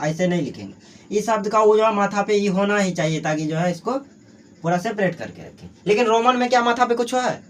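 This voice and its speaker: A man's voice: high voice, slight background noise. A young man from Bihar with a Bihari Hindi accent, teaching a grammar class for exams. He keeps asking questions and answering them himself, filling his speech with "jo hai". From Bihar, Mithila region. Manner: asks and answers his own questions, heavy filler "jo hai". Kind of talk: exam-prep grammar class.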